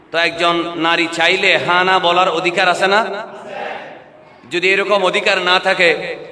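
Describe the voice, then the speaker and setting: A man preaching a sermon, calling out questions for the crowd to answer and breaking into chanting and shouts. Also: sits high, in a large hall, a little hiss or hum. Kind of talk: Bengali waz sermon.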